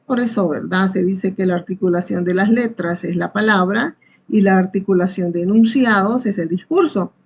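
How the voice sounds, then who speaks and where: A woman teacher with a Salvadoran Spanish accent gives a recorded online class, explaining step by step and often adding a questioning aside. Her voice is medium-pitched and husky at normal speed, on a muffled lo-fi recording.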